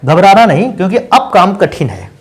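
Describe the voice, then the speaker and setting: A man's voice: high voice, huge pitch swings, normal speed. A man teaching a chemistry class in a patient lecture style, often putting questions to his students. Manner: patient, addresses students as "beta" and asks them questions.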